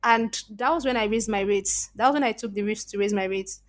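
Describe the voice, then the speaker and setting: Her medium-pitched voice is brisk and recorded dry as this Nigerian-accented woman, a freelance copywriter, talks as a guest on a podcast. In the casual interview she recounts her story in an earnest, reflective way, frequently starting her sentences over.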